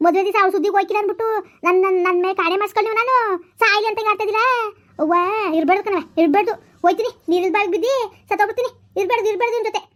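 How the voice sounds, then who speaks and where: A woman's voice: very high voice, racing, fairly bright tone, pitched above the performer's own voice. A woman voicing a dramatic village mother-in-law who wails, scolds her son and fusses over her daughter-in-law. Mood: lamenting. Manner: lamenting, scolding. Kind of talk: village comedy skit.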